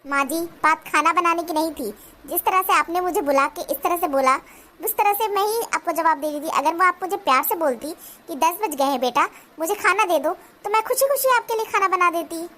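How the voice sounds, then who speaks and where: Brief: a woman as a squeaky-high, sharp-tongued young cartoon bride. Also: fairly quick. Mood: reasoning. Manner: retorting, argumentative. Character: young daughter-in-law, sharp-tongued, defiant. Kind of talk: cartoon voice acting.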